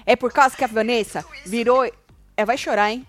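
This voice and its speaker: A Brazilian woman hosting a live reaction stream, commenting excitedly on a reality show in a gossipy voice full of exclamations and repeated words. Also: on the high side, brisk, soft background music.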